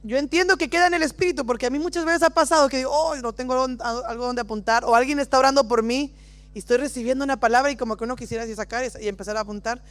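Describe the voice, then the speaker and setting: High-voiced preacher, dry close sound. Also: male voice, dry recording. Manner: expressive, dramatic scripture reading with slow stretched phrases; playful asides and small laughs. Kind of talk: sermon.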